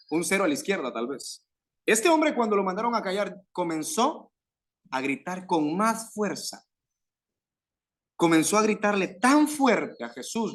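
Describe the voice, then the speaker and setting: A man with a Venezuelan Spanish accent preaching a sermon to a youth group, fervent, with rising emphatic phrases and pauses. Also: on the high side, a bit bright.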